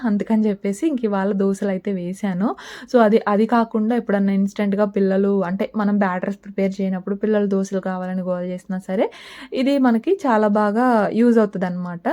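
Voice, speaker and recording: A woman's voice: mid-range voice, dark tone. A woman giving a casual cooking voice-over, chatting politely with her viewers. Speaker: cooking vlogger.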